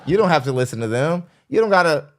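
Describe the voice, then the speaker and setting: A man's voice: on the high side, animated, fast. A man hosting a podcast, giving live reaction commentary in a blunt, mocking, preachy way. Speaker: podcast host. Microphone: studio microphone.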